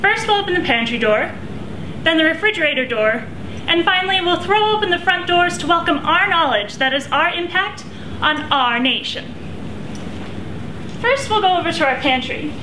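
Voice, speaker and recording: High-pitched American woman giving stiff memorized speech. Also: expressive, normal speed. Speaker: speech contestant. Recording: echoey room with clear background noise.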